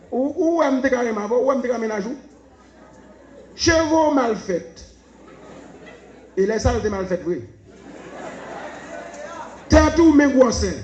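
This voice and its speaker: A man preaching a sermon, swinging from low murmurs to shouts. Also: roomy sound, muffled recording.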